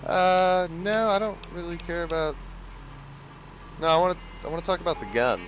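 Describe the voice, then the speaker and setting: This man's voice sits high and fairly bright, at a moderate pace, with a little hiss or hum present. Hosting a gaming video, he does let's play commentary over the game music, cracking jokes and teasing the characters as he talks over them.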